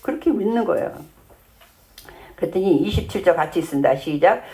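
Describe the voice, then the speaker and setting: A woman's voice: fairly low pitch, lively intonation, fairly quick, warm tone. A woman pastor preaching a sermon in a church, telling the Bible story in a conversational way and acting out the lines of its characters.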